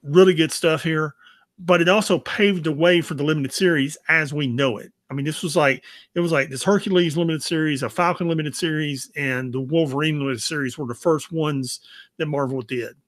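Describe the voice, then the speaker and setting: A man's voice: a little high, fairly quick, fairly bright tone, no room sound, clean studio sound. A man co-hosting a comic book podcast, talking casually and with enthusiasm about back issues. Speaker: podcast co-host.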